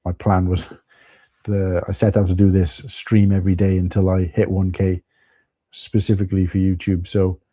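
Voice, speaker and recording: A middle-aged man, husky from tiredness, talks through a live stream in a low, fairly flat voice with a very dark, mellow tone. He rambles casually at a moderate pace, using plenty of fillers and restarts, and the recording is dry and close.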